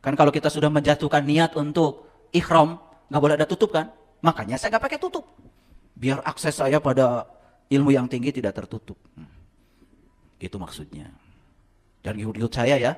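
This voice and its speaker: A middle-aged man preaching to a live audience, telling his own story and swinging between loud exclamations and hushed asides. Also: fairly high pitch, normal speed, pauses often. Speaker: Islamic teacher.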